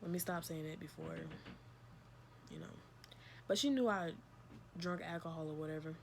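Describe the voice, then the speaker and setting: Young woman, storytime vlogger, lowish voice, blunt and emphatic. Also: normal speed, a little hiss or hum. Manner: candid, emphatic retelling with slang and swearing. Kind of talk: storytime vlog.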